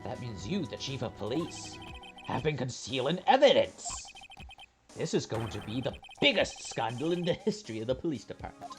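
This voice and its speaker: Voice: mid-range voice, big pitch swings, moderate pace, music in the background, lightly acted. A person voicing an earnest, incredulous young male defence lawyer in a video game. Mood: shocked accusing.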